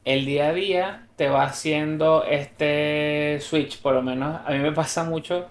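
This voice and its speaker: A man's voice: a little high, measured pace. A Venezuelan man co-hosting a podcast, chatting casually and acting out the dialogue in his stories. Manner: lively storyteller who acts out quoted dialogue. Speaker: podcast co-host. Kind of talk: casual chat. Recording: roomy echo.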